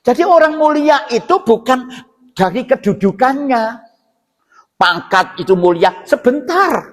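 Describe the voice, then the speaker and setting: Extremely high and sing-song, the man's voice moves unhurriedly through an informal mosque sermon. He has a Javanese accent and teaches scripture with rhetorical questions and check-in tags, the sound reverberating through the hall.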